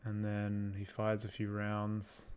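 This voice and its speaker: A young Australian man chatting casually on a livestream while he works on effects, rambling and thinking out loud as he answers chat. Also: lowish voice, monotone, slow, smooth. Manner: rambling, thinks aloud, reads out chat questions. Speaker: livestreamer making visual effects.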